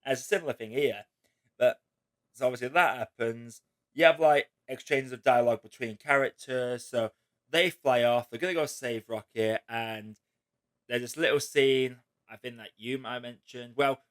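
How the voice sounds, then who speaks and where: A man's voice: mid-range voice, moderate pace, a bit bright. Casual rambling male film chat host. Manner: rambling, lots of "like", swears casually.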